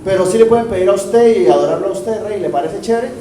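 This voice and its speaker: A man voicing scheming royal officials who flatter a king, in a wheedling, mock-casual tone, recorded in a roomy hall with faint music behind. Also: sits high, quick pace, far from the mic, close to an everyday voice. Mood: sly.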